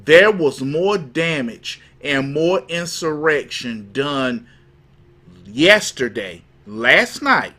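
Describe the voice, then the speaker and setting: A man's voice: a little high, expressive, very slow, sharp tone, soft background music. A man hosting a live commentary show, talking to his viewers in a folksy, mocking way over news clips. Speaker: livestream commentary host.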